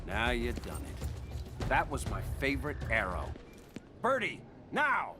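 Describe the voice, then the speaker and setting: Game hero: flippant bowman, mid-pitched, lively bouncing delivery. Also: takes it slowly. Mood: cocky banter. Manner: flippant, joking. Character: wisecracking cocky adult male archer superhero. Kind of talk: video game cutscene acting. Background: loud music.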